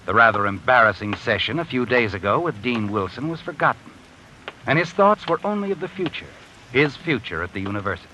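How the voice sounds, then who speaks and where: The Whistler, ominous night narrator. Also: male voice, mid-range voice, pushed and bright, slight background noise, poor audio. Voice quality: ominous, knowing, theatrical. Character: mysterious male night-walking narrator spirit. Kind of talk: 1950s radio drama narration. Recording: old radio broadcast with music.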